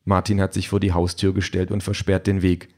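Low-voiced man reading a story. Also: completely flat delivery, brisk, a little mellow. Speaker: narrator. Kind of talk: scripted story narration.

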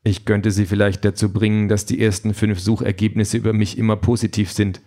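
A man voicing a calm, literal-minded android politician with a flat, matter-of-fact delivery. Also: on the low side, fairly quick, lightly acted.

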